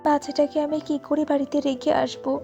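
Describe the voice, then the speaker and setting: A woman voicing a poor young mother and maid in a cartoon, gentle and pleading. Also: sits high, little pitch movement, fast talker, dull audio, soft background music. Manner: pleading, tearful. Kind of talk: cartoon voice acting.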